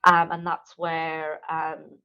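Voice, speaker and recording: A woman's voice: sits low, completely flat delivery, slow pace, pushed and bright, smooth, lo-fi sound. Upbeat woman in her thirties. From Ireland. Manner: enthusiastic, lots of ums. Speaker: nurse guest. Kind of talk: casual interview.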